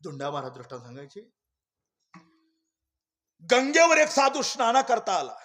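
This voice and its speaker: A man preaching a kirtan sermon, telling stories and swinging between loud exclamations and hushed asides. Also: very high-pitched, wildly swooping pitch, moderate pace. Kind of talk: Marathi kirtan sermon with storytelling.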